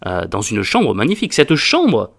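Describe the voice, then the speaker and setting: Un homme qui prête sa voix à un docteur pédant et arrogant dans une farce classique lue à voix haute, sur un ton déclamatoire et sentencieux. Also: male voice, medium pitch, very animated, moderate pace, close to an everyday voice. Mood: indignant. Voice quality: declaiming, lecturing, self-important. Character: pompous arrogant learned doctor, male, middle-aged. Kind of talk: reading a classic farce aloud.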